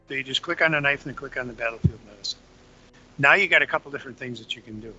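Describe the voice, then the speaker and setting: A man's voice: medium pitch, pushed and bright, breathy edge. A man casually walking his younger brother through game strategy, explaining step by step while chewing candy. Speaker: older brother giving game tips. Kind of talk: casual gaming walkthrough chat. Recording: dull lo-fi sound with faint music.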